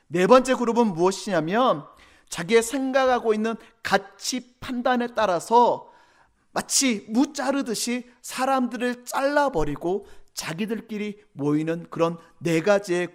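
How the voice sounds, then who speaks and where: A man's voice: high voice, expressive, moderate pace. A male pastor preaching a Sunday sermon to young adults, teasing the congregation with questions and acting out quoted church members in changed voices. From Korea. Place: church sanctuary.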